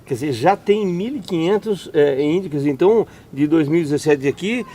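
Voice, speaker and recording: A male host conducts a conversational interview, asking leading questions and summing up his guest's answers. His voice is a little high and dark in tone, with lively intonation at a normal speed.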